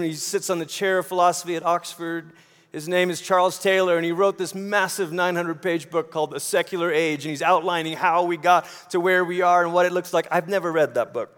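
A man from Malaysia preaches a sermon conversationally, asking rhetorical questions and repeating phrases for emphasis. His voice is fairly high and smooth with a fairly bright tone, and a long hall reverb fills the recording.

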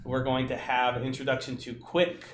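A man co-hosts a casual news podcast in an ordinary mid-pitched voice. The room adds noticeable echo, and there is some noise behind him. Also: monotone, normal speed. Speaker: podcast co-host. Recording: roomy echo, clear background noise.

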